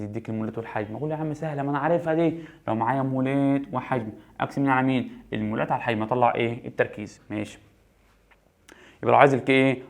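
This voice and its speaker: With an Egyptian Arabic accent and a mid-range voice marked by vocal fry, a male chemistry teacher leads an exam review, raising and answering his own questions and restating the important points.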